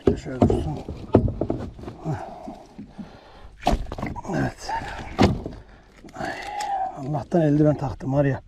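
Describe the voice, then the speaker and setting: Man, fishing vlogger, breathless excited talk, outdoor lake recording, clear background noise. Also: a little high, takes it slowly, long pauses. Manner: breathless and excited, muttering prayers under his breath.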